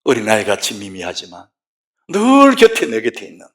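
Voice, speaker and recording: A middle-aged man, a pastor, preaching a sermon in a church, moving between hushed whispers and loud exclamations. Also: fairly low pitch, wildly swooping pitch, normal speed. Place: church sanctuary.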